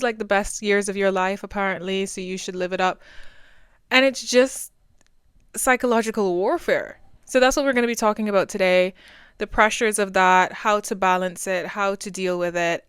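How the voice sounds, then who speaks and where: A woman's voice: medium pitch, clean tone, no echo, studio quality. A woman in her twenties hosting a solo podcast, talking in a chatty, rambling, self-deprecating way. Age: 20s. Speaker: podcast host.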